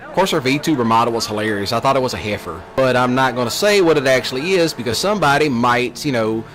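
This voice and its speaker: Soft music and car engines from a driving video game sit behind this man's medium-pitched voice, which is animated, fast, and a bit bright. He's a folksy gaming host on a casual, teasing ramble. He keeps mocking others in exaggerated quoted voices.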